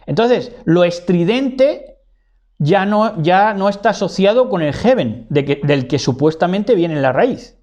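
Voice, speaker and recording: A man's voice: high voice, animated, a little slow, a little mellow. A man giving a didactic monologue, repeating key words and tagging his points with "¿verdad?". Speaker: lecturer.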